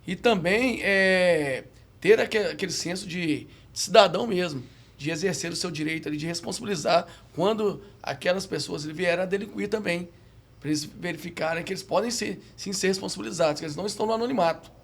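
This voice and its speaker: Brazilian police lieutenant guest, slightly high voice, formal, sums things up. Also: male voice, a little fast, gravelly. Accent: Brazilian Portuguese. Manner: formal, summarizing, with tag questions. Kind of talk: podcast conversation.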